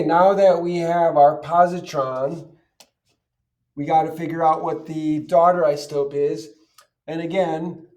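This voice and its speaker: In a casual, step-by-step chemistry lesson, a man whose voice is on the high side with a darkish tone talks through worked examples. He sits far from the mic and answers the questions he poses himself.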